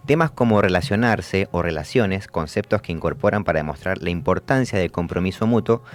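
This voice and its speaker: A man hosting a psychology discussion, pausing often with fillers and restarts. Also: low voice, lively intonation. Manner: hesitant, many fillers and restarts. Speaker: podcast host.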